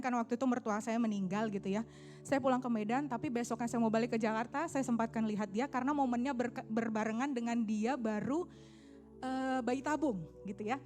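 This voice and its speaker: A woman's voice: on the high side, darkish tone. A middle-aged woman preaching a sermon, telling a personal story with emotion and changing tones for the people she quotes. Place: church stage.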